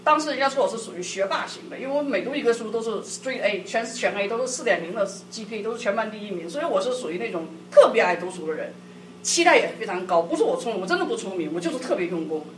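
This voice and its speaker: Lively woman telling church stories. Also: medium pitch, quick pace. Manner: lively, laughing often, acts out quotes. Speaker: church speaker on marriage. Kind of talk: sermon-like personal storytelling. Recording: echoey hall, distant mic, background noise.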